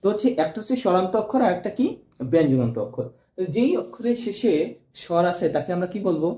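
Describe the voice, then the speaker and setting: A man's voice: sits high, very animated, fast talker, mellow. A male teacher giving an exam-prep grammar lesson, asking questions and answering them himself. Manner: quizzing, answers own questions. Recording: echoey room.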